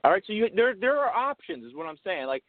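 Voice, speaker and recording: A man's voice: high-pitched, big pitch swings, fast, a little hiss or hum. A man on the phone giving crude advice to a friend, profane and mock-tough, acting out the lines he suggests. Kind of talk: casual phone chat. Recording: tinny phone line.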